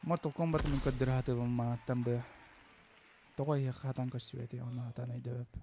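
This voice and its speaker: A man's voice: mid-range voice, level tone, normal speed, background noise. A man chatting informally as a video game streamer, with some swearing. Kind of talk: casual gaming stream chat. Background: faint music.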